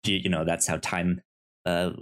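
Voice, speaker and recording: In a low, level, slightly bright voice, a man hosts a podcast at a somewhat slow pace. He chats informally about movies and the latest show news, with a habit of stammering and repeating syllables.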